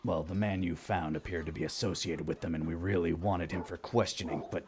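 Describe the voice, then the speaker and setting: A man playing a bewildered small-town police officer in a tabletop game, husky and hesitant, with measured phrasing. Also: sits low, fairly even intonation, noisy background, natural voice. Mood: measured, puzzled.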